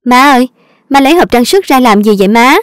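A woman's voice: sits high, lively intonation, fast talker, no echo, studio quality. A woman with a Southern Vietnamese accent voicing a scheming young daughter-in-law who whines and pleads. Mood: sweetly curious. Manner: whiny, pleading. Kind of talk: audio drama reading.

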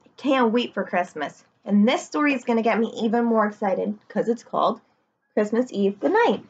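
A young woman reads a children's picture book aloud in her living room, putting questions to her young listeners between passages. Her voice is on the high side, a little mellow and breathy, with lively intonation at normal speed, over slightly dull webcam audio.

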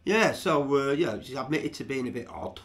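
A man's voice: medium pitch, lively intonation, normal speed, a bit bright. Rambling man mocking clips. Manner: rambling, stammering, jokey. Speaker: vlogger host. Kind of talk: mocking commentary to viewers.

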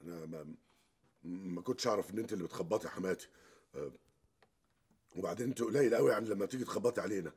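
A man's voice: low-pitched, rapid-fire, pauses often, a little mellow, slightly rough. An Egyptian-accented man playing a defensive, flustered husband in a TV drama. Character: jumpy husband, defensive and evasive. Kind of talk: TV series acting.

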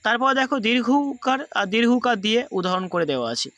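A man's voice: very high-pitched, very animated, quick pace, sharp tone, no room sound. Bengali-accented guy teaching grammar, goes over each rule again and again, dry close sound. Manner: patient, repeats each rule step by step. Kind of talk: grammar lesson explaining rules to students.

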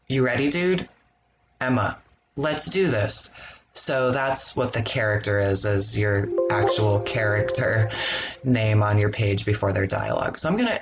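Give me a man at a middle pitch walking through a software tutorial, relaxed and plain, with faint noise behind. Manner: relaxed step-by-step explaining with ums. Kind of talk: screen-recorded software walkthrough.

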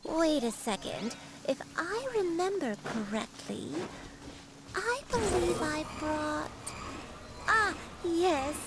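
A woman voicing a frail, gentle elderly grandmother in a video game, speaking softly and often in a breathy hush. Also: very high-pitched, lively intonation, noisy background, exaggerated voice. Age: older. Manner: soft-spoken, slow, often breathy and hushed. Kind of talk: game voice acting.

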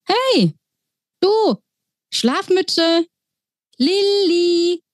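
A woman's voice: high voice, expressive, measured pace, a little mellow, dry recording, studio quality, voice pushed up. Kornelius, a woman doing a brash mouse pilot. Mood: shouting. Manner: pushy, chatty, grumbling. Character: brash impatient male pilot mouse, small.

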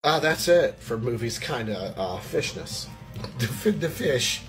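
A man's voice: medium pitch, lively intonation, measured pace, soft background music. Rambling, profane man recapping a movie. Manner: profane, rambling, laughing at himself. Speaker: comedy video host. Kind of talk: crude comedic movie recap. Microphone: handheld recording with VHS box in hand.

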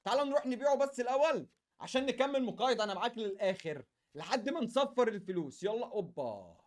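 A young man with an Egyptian Arabic accent doing casual, slangy gaming commentary in an excitable, repetitive way. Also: extremely high pitch, fast. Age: young adult. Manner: excitable, slangy, chatty, repeats phrases. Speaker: gaming YouTuber.

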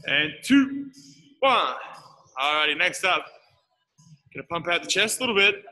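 A man's voice: sits high, animated, measured pace, bright, forceful tone. A man coaching a live workout, encouraging the group and counting down the time. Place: large gym studio.

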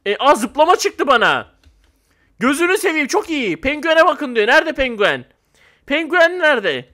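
A young man giving casual gameplay commentary, excitable and loud at times, then dropping to a flat mock-calm mumble. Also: very high-pitched, moderate pace. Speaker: gamer.

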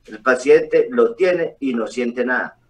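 A middle-aged man, a doctor, explaining calmly over a video call with frequent hesitations. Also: mid-range voice, slow. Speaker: doctor guest. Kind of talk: explanatory interview answers. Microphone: webcam on a video call. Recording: distant video call audio.

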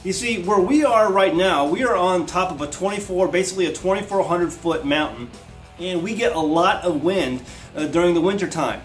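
Soft music plays behind a high-pitched American man in his thirties as he explains a product at a normal speed for his homesteading vlog. He's in a living room with a wood floor and big windows, and the sound carries a spacious indoor echo.

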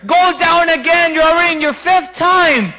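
A man's voice: extremely high pitch, normal speed, bright, forceful tone, voice pushed up. A man voicing an anxious male servant who keeps urging his master on, pleading and insistent.

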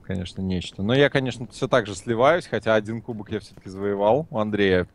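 A man's voice: on the low side, fast talker. A man chatting casually as a stream co-host, a bantering sidekick who relays comments from viewers. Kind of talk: casual chat.

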